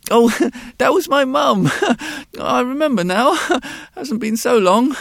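A man's voice: sing-song, slow pace, bright, forceful tone, dry recording, clean studio sound, exaggerated voice. A man voicing a flustered, forgetful little boy who stammers and hesitates as he talks. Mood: sheepish. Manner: stammering, breathless, high and eager.

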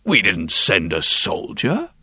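A man's voice: low voice, wildly swooping pitch, slow pace, bright, forceful tone, husky, no room sound, clean studio sound, voice pushed down, exaggerated voice. A man doing a stern curt royal chamberlain.

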